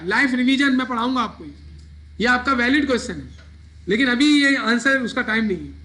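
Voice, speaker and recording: High bright male lecturer quizzing students. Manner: asks students questions and answers them himself. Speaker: accounting lecturer. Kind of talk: classroom lecture.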